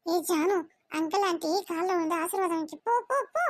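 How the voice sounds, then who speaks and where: A woman plays a fussy cartoon mother who keeps ordering her daughter around. Her voice sits extremely high and thin. The sound is dry and close. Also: a little fast, no room sound. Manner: bossy, scolding. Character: fussy middle-aged mother, matchmaking woman. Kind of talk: cartoon voice acting.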